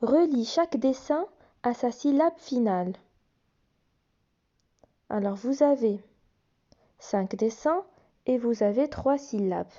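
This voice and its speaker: Slow, patient woman teaching phonics. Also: fairly high pitch, expressive, warm tone, muffled recording. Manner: slow, patient, spells out letters. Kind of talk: phonics lesson explaining workbook exercises.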